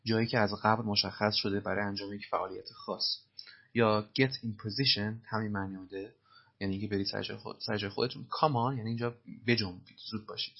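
A man with a husky voice teaching English phrases, patiently explaining and repeating them slowly. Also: on the low side, steady tone, highs cut off.

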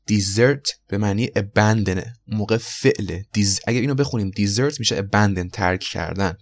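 A man whose first language is Persian, teaching an English vocabulary lesson and repeating and spelling out each word slowly. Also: lowish voice. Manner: slow, drawn-out spelling and repetition of words.

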